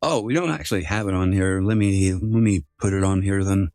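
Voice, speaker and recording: A man's voice: deep voice, a little fast, darkish tone, smooth, dry recording. A man streaming live through a voice changer, chatting casually with rambling, filler-heavy sentences that often restart. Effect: voice changer altering his voice.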